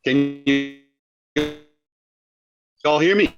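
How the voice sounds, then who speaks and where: A man's voice: medium pitch, drawn-out words, smooth. A man calling into a public meeting over a video call. His audio keeps breaking up, and he keeps checking whether he can be heard. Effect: audio breaking up over a bad video-call connection. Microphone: computer microphone on a video call. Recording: muffled lo-fi video-call audio, faint music behind.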